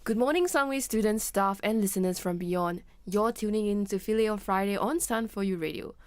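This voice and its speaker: A woman's voice: medium pitch, moderate pace, dry recording. A young woman co-hosts a campus radio show. She is playful and teasing, chatting easily with her co-host and guest. The sound is close and dry, with no room around it. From Singapore. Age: young adult. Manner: playful and laughing. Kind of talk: student radio hosting.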